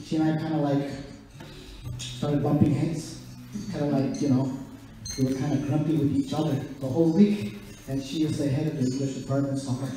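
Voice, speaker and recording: A man sharing a casual spoken testimony at a small church, talking in a relaxed way with lots of "you know" and "like". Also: fairly high pitch. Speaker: church member giving a testimony. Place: small church hall with a band. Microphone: handheld mic, filmed from a far phone. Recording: very echoey hall, far from the mic.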